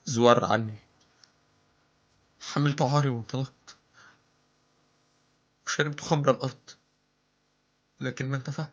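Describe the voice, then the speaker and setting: Male stage actor as remorseful, tormented killer confessing in verse: hammy, declamatory stage monologue, mid-pitched male voice, dull recording. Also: fairly even intonation, moderate pace, long pauses, close to an everyday voice. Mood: bitter, despairing. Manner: hammy, declamatory, swinging from hushed to shouted. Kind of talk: theatrical stage monologue in classical Arabic verse.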